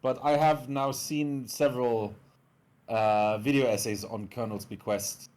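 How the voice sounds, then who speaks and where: A man's voice: mid-range voice, fairly even intonation, unhurried, darkish tone. A man co-hosting a game stream, talking casually and thoughtfully with hesitations. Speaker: stream co-host. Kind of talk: casual chat.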